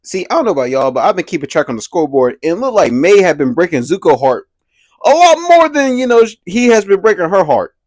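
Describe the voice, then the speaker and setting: A young man hosting a casual commentary video, animated and slangy, laughing often as he talks. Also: high voice, quick pace. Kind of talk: casual pop-culture commentary.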